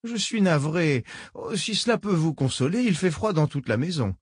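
A man voicing a sinister old woman who speaks in a soft, honeyed, menacing way. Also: on the high side, big pitch swings, normal speed, breathy edge, no room sound, clean studio sound, pitched above the performer's own voice. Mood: falsely sweet. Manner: honeyed, menacing, repeats "ma chère".

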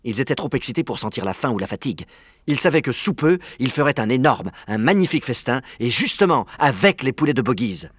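A man narrating an audiobook story in a clear, measured reading. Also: mid-range voice, big pitch swings, no echo, studio quality.

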